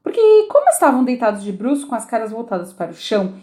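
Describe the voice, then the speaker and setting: A woman reads a children's classic aloud as an audiobook narrator. Her voice sits fairly high and moves with lively, animated intonation, giving each sentence a storyteller's shape. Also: fast.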